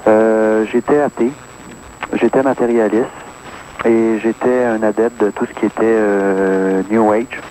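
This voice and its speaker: A man's voice: on the low side, level tone, a little slow, darkish tone, low-quality recording. Hesitant Québécois caller in his thirties. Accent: Québécois French. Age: 30s. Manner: hesitant, many "euh" fillers, earnest. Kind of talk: phone-in testimony. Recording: caller on AM radio with faint hiss.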